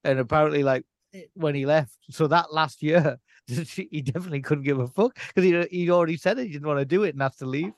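A man rambles through casual podcast chat in a laid-back way and laughs often. His voice sits a little high. The sound is dry and close, with no room echo. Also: a little fast. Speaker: podcast co-host.

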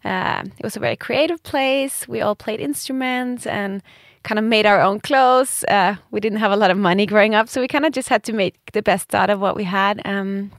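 Woman in her thirties from Scandinavia, mid pitch, dry close sound, eager interview guest. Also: moderate pace, hardly any pauses, no room sound. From Denmark and Sweden. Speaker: interview guest, fashion brand founder. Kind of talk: casual conversational interview.

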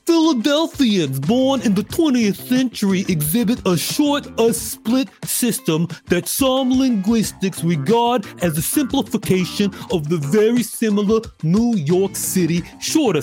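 A man doing an overdone Brooklyn accent while reading a dry text aloud. The pitch rises and falls in lively swings, and the delivery stays mock-serious. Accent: Brooklyn, exaggerated.

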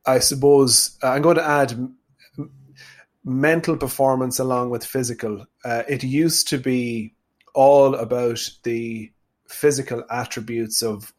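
A man with a west of Ireland accent speaking conversationally as an interview guest, thoughtful and often rephrasing himself. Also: medium pitch. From Sligo, west of Ireland. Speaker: podcast guest, performance nutritionist.

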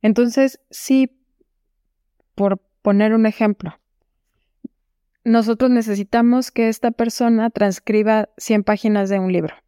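A woman hosts a solo advice podcast, talking calmly and straight to the listener. Her voice is mellow and warm. The recording is dry and close, with no room sound. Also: fairly high pitch, measured pace, long pauses, clean tone, no room sound. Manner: calm, explanatory, speaks directly to the listener. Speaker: podcast host.

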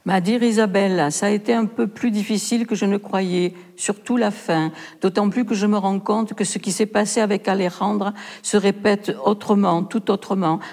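A woman's voice: mid-range voice, fairly even intonation, normal speed, hardly any pauses, a little mellow. Woman reading a heartfelt letter, blunt and passionate, echoey big hall. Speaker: reader in a literary performance. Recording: long hall reverb.

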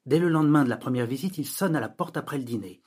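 A man narrating a novel aloud with steady, measured storytelling. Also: medium pitch, slightly rough. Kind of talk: audiobook narration.

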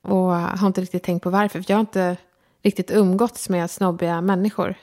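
A woman's voice: lowish voice, level tone, darkish tone. A Swedish woman with a slight lisp and a faintly upper-class Stockholm accent, talking frankly and directly in a casual conversation. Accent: Stockholm, slightly upper-class tinge. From Sweden. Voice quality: slight lisp, speaks far forward in the mouth. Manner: direct, frank, self-deprecating. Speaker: guest, designer and lecturer.

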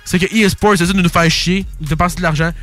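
A young man with a Québécois accent chats about sports in an excitable, slangy way, swearing freely. His voice sits a little on the high side, and faint music plays beneath him. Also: fast talker. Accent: Québécois French. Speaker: podcast host. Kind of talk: casual sports chat.

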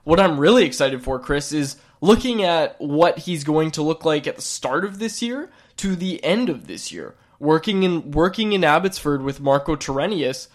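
A sports podcast co-host, still recovering from a cold, sounds stuffy and nasal as he chats casually, fast and eager. His voice is on the high side, a bit above the usual male range, and excitement makes him trail off and restart his sentences.

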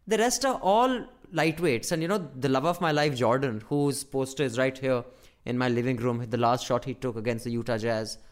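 A man's voice: medium pitch, moderate pace. A man with a North Indian accent chatting casually and emphatically as a podcast co-host, swearing freely. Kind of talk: casual opinionated chat.

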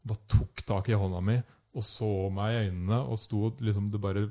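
A man telling a travel story in casual conversation, animated and acting out the people he quotes. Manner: animated, acts out quotes with rising pitch.

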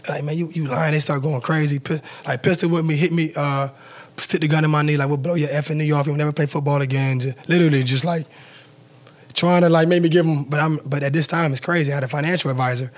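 Man, interview guest, quick casual storytelling, somewhat high voice, lots of fillers and acted quotes. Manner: rapid, loose retelling with many "like" fillers and acted-out quotes. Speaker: interview guest, former pro football player.

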